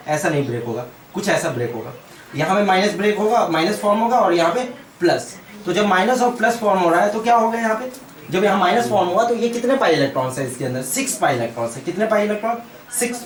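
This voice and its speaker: A man with an Indian accent teaching chemistry at a board, asking questions and answering them himself while repeating key terms. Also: high voice. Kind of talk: whiteboard lecture. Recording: echoey room, mic far off.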